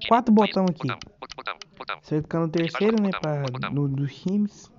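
A Brazilian man with a fairly high voice gives a casual, chatty walkthrough, addressing viewers like pals. The audio is dull and lo-fi, like a phone screen recording. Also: animated, normal speed, a crowd in the background. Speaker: tutorial host.

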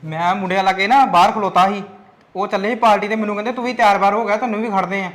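A man playing a spoiled, demanding younger son in his late teens, whining fast in a home-made family skit. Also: sits high, steady tone, fairly bright tone. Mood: petulant. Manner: whiny, demanding, fast-talking. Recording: echoey room, faint music.

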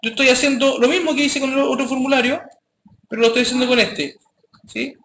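A man teaching a coding class, his voice high and bright. He speaks casually and keeps checking that the students follow. The sound is echoey, with faint background noise. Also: steady tone, brisk. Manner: casual, addresses students directly with frequent checks. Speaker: programming teacher. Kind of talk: live classroom coding lesson.

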